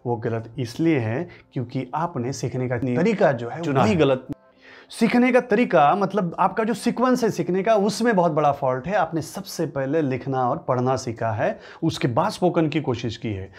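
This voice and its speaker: A man giving an emphatic motivational lesson, repeating and listing key points to drive them home. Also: a little high. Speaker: English-speaking coach.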